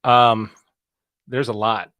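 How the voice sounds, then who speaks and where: A man's voice: medium pitch, flat delivery, slow, clean tone, dry recording, muffled recording. A man in his forties from South Carolina, a podcast guest telling stories in casual chat. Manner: chatty, storytelling with acted-out quotes.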